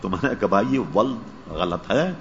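A man's voice: sits low, expressive, creaky, slight background noise. A male Islamic scholar answering questions in a study session, patiently explaining and correcting how words should be pronounced. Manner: patient, explanatory, checks understanding; corrects word pronunciation. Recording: dull lo-fi archive recording.

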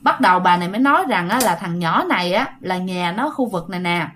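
A woman with a Southern Vietnamese accent tells a ghost story in a fairly low, lively voice at a quick pace, with slight background noise. Chatty and casual, she talks straight to her listeners and acts out the shouts she quotes.

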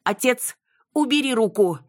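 A woman reader voicing a defiant young daughter, raised in pitch and urgent in manner. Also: very animated, normal speed, slightly rough, no room sound, studio quality. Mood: alarmed. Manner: pleading, then shouting in alarm.

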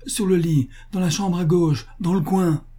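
A frantic older butcher begging for help, his voice pushed high above a male narrator's own low tone. Pleading and anguished, done by a man with a husky, dark voice, it sounds strained and urgent. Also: animated, normal speed.

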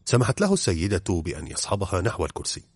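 A man narrating an audiobook in a measured storytelling manner. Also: deep voice, wildly swooping pitch, husky, dry recording.

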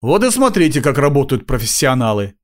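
A man's voice: medium pitch, sing-song, a little fast, natural voice. A man voicing a cocky, self-important middle-aged male street cop.

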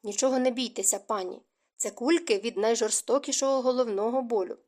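A woman's voice: fairly high pitch, a little fast, a little mellow, lightly acted. A woman narrator voicing an insistent, long-winded old bearded apothecary in an audiobook. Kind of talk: audiobook character reading.

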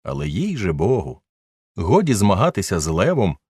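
A man voicing an older father who lectures his son in a measured, stern but fond way. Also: deep voice, huge pitch swings, darkish tone, slightly rough, no room sound, clean studio sound, heavily acted. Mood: lecturing.

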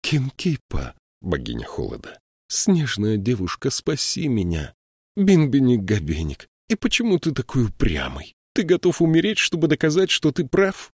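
A man's voice: on the low side, huge pitch swings, measured pace, slightly rough, no room sound, studio quality, heavily acted. A man voicing a fiery, frightened young troll woman who scolds her stubborn friend in an audiobook. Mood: pleading. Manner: scolding, sharp exasperated outbursts. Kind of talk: audiobook character voice.

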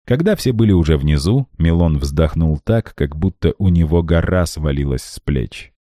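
A man narrates an audiobook with a very low, dark, mellow voice. His reading is measured and dramatic. The recording is close and dry with no room sound. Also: animated, no room sound.

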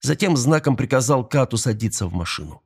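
A man's voice: mid-range voice, animated, brisk, gravelly, husky. A man narrating an audiobook in a dramatic, tense scripted reading.

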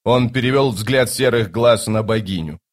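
A man narrating an epic fantasy audiobook in a measured, dramatic storytelling manner. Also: mid-range voice.

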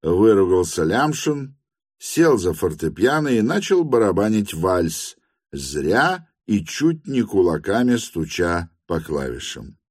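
A man's voice: deep voice, big pitch swings, measured pace, darkish tone, no room sound, clean studio sound. A man narrating a classic novel as an audiobook, reading with theatrical expression. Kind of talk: scripted literary narration.

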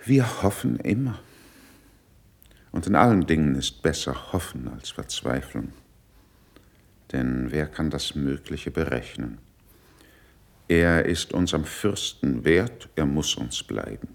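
Playing a seasoned elder statesman of the court in a German verse radio play, a man with a very deep, gravelly-creaky voice declaims classical lines in a measured, emphatic, rhetorical way over a broad, animated melody. The acting is heavy, and his mood is composed and conciliatory, critical but controlled.

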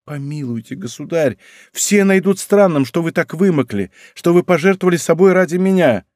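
A man's voice: on the high side, expressive, normal speed, a little mellow, dry recording, studio quality, pitched above the performer's own voice, lightly acted. A man voicing a timid, frightened young court lady, pleading in anxious exclamations in an audiobook reading.

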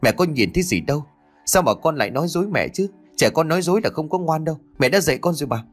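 A man voicing an anxious young mother, who talks in a quick, scolding voice. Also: medium pitch, sing-song, soft background music.

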